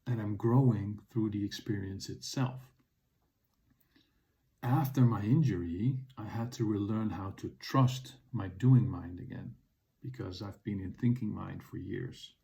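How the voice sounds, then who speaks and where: A man hosting his own podcast, speaking in a calm, earnest personal monologue. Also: lowish voice. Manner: calm, earnest, unhurried reflection. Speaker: podcast host.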